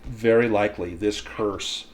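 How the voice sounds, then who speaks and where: Slow-paced male game master. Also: fairly low pitch, fairly even intonation. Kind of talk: narrating a tabletop role-playing game.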